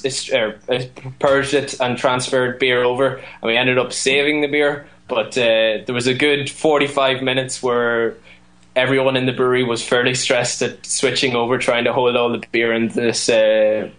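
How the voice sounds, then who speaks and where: A man's voice: mid-range voice, flat delivery, normal speed, fairly bright tone. A man with an Irish accent, a brewery guest calling in, telling a story with many fillers and restarts. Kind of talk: casual phone-in chat. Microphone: phone line.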